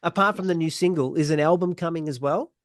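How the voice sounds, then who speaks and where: A man's voice: on the high side, fast, dry recording, clean studio sound. A man hosting a podcast, chatting casually and reacting eagerly to his guest. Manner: eager, reacting often with short interjections. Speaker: podcast host. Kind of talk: casual interview chat.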